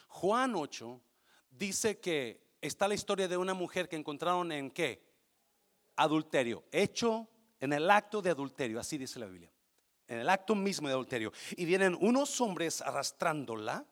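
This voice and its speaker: A male pastor preaching a sermon, questioning the congregation and building to loud peaks. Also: high voice.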